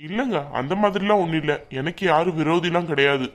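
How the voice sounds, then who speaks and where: A woman voicing a calm, patient young husband lying injured in a hospital bed, in a cartoon. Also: low voice, fast talker, natural voice. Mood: reassuring. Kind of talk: cartoon voice acting.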